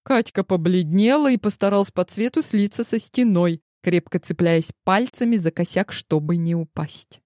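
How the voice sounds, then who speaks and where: A woman reads a scripted audiobook narration in a measured, expressive storytelling style. Her voice is medium-pitched, and the studio recording is clean with no room sound.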